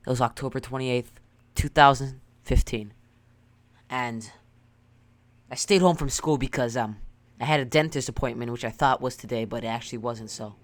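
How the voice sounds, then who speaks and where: A man's voice: medium pitch, no echo. A teenage boy telling a story on his vlog in a casual, rambling and sarcastic way with crude jokes. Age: teens. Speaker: YouTuber.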